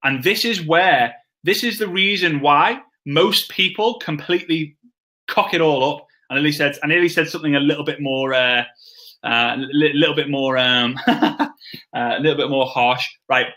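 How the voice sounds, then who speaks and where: A young man with a Scouse accent teaching a live webinar, energetic, often restarting sentences and acting out both sides of sample conversations. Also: on the high side, normal speed. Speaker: webinar host.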